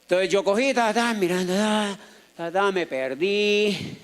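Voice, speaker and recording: A man's voice: sits high, a little slow. A man with a Colombian accent speaking as a motivational speaker, telling a story to a live audience and acting out the people in it, with jokes. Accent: Colombian Spanish. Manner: lively storyteller who acts out the people in his story, joking with the crowd. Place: auditorium.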